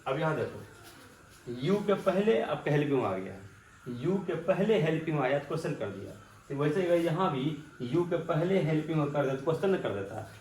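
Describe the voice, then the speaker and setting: A man teaching a grammar lesson, a little higher-pitched than most men. He acts out spoken examples and keeps putting questions to his class. The room echoes and a faint hiss runs underneath. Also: darkish tone. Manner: explains with acted-out examples and repeated questions to the class.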